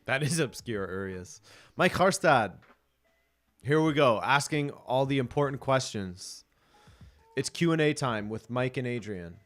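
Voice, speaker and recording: A man's voice: medium pitch, expressive, measured pace, soft background music. A man hosting a live football watch-along stream, chatting casually, chuckling and reading viewer comments aloud.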